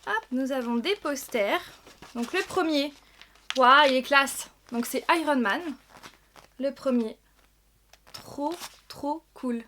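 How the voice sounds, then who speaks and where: A woman chatting through an unboxing vlog in a high, bright voice. She gushes over each item, piling up the same praise words again and again. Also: takes it slowly, long pauses, a little hiss or hum. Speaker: vlogger.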